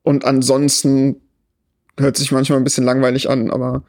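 Frequent ums punctuate this journalist's relaxed, considered answers in a podcast interview. He's in his thirties, has a Rhineland German accent, and talks at a moderate pace in a medium-pitched voice.

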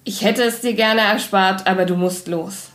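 A woman voicing a kindly, weary male former lab boss who talks softly and sighs, in a storybook reading. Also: steady tone, normal speed, echoey room, natural voice. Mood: gentle. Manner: soft, low, sighing.

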